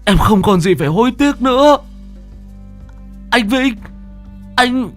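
A man voicing a devoted young gang henchman who is dying, speaking in weak, halting, broken phrases. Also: very high-pitched, lively intonation, faint music behind, pitched above the performer's own voice, full character voice. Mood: fading.

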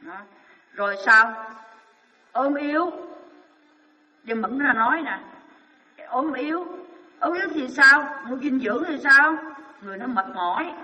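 A man's voice: very high voice, animated, a little slow, pauses often, pushed and bright. A man giving a Buddhist sermon, firing rhetorical questions and answering them himself with emphasis. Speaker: Buddhist dharma teacher. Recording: dull, echoey hall recording from far off.

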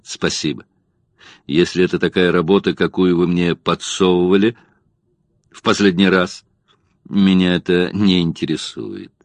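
A man's voice: sits low, dry recording, heavily acted. A male narrator voicing a cocky secret agent who talks in a wry, mocking way.

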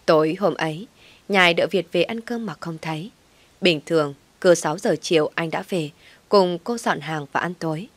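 Low-voiced woman narrating a story. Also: moderate pace, no echo. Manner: expressive storytelling. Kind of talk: scripted audiobook narration.

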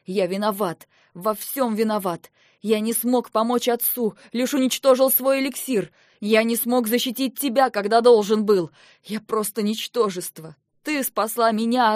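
A woman voicing a young male king who talks loudly and rawly, full of guilt and temper, recorded dry. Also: fairly high pitch, fairly even intonation, unhurried, no echo, close to an everyday voice. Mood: anguished. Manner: loud, raw, self-reproaching.

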